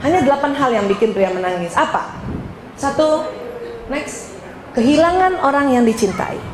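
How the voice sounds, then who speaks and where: A woman's voice: high-pitched, moderate pace, roomy sound, background noise. A woman from Indonesia giving a religious lecture to women, joking and speaking straight to her audience. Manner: lively, joking, addresses audience directly.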